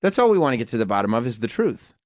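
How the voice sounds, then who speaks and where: Deadpan fast-talking male radio co-host. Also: medium pitch, no room sound. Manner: dry, deadpan teasing. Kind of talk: casual studio banter.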